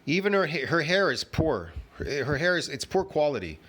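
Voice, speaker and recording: This man's fairly high, fairly bright voice swings widely in pitch while keeping a normal speed as he reacts to a video clip. The commentary is casual and rambling, repetitive and derisive, littered with "get it?" and "bro."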